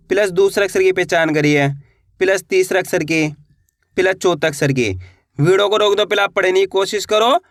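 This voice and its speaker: A man teaching Hindi reading online, sounding out words slowly syllable by syllable and repeating each rule. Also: sits high, a bit bright, dry recording, studio quality. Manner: slow syllable-by-syllable drilling, repeats rules.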